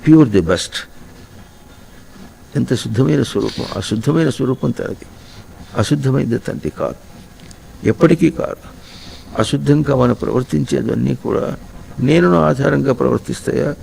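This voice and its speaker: A man giving a slow, reflective spiritual discourse to householders, often pausing to ask his listeners questions. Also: medium pitch, creaky, a little mellow, a little hiss or hum, poor audio. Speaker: spiritual teacher.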